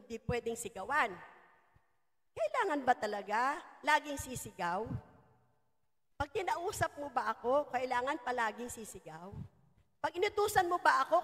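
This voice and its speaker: Woman pastor, middle-aged, high voice, lively preacher working the room, long church-hall reverb. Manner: lively preaching, mixing Tagalog and English, calling out to the congregation. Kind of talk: sermon.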